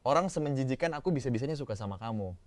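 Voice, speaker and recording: Guy voicing a shy insecure young woman, soft pleading lines, storytelling recap. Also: mid-range voice, expressive, racing, dry recording, close to an everyday voice. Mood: tearful.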